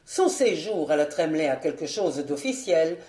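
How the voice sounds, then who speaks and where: A woman voicing a scheming, hot-tempered male nobleman in an audiobook, blustering and then falsely smooth. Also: sits low, big pitch swings, moderate pace, warm tone, roomy sound.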